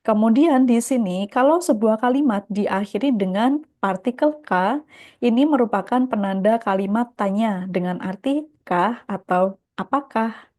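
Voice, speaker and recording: Woman teaching beginner japanese, higher voice but mellow, patient, goes word by word. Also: unhurried. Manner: patient, explains word by word, mixes Japanese phrases into explanation. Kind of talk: explaining a textbook lesson.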